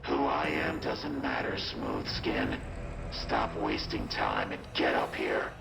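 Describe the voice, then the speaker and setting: An actor playing a gruff, suspicious male ghoul who speaks curtly over an intercom in a low, gravelly voice. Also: wildly swooping pitch, slow, full character voice. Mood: impatient. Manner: curt, bossy and distrustful. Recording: game audio with loud music behind. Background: game music.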